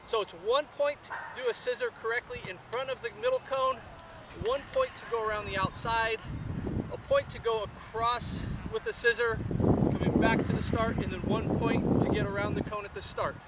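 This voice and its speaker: A man's voice: extremely high pitch, normal speed. A man coaching youth soccer, out of breath, explaining drills step by step outdoors. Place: outdoor field. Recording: distant mic, loud wind and traffic noise.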